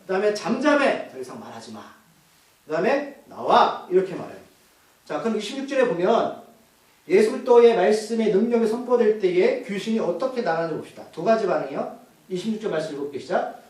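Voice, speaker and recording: In an echoey church hall recorded from a distance, a male pastor gives a sermon in a high, dark-toned voice, speaking fast with lively intonation. He asks the congregation questions and answers them himself.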